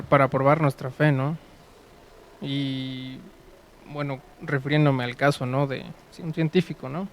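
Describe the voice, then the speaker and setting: Soft-spoken man with a flat, hesitant voice. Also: medium pitch, a little hiss or hum, rough recording. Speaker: co-host in a faith discussion. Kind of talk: casual religious conversation.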